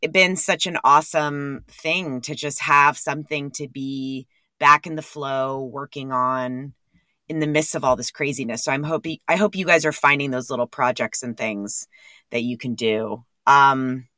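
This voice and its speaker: A woman's voice: very deep voice, steady tone, unhurried, pushed and bright, dry recording, studio quality. A woman hosting a podcast, talking candidly and rambling with casual swearing. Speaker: podcast host. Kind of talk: candid monologue.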